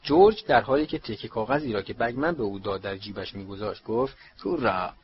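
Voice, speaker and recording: A man narrating an audiobook in a steady storytelling manner. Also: on the low side, lo-fi sound, a little hiss or hum. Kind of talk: scripted narration.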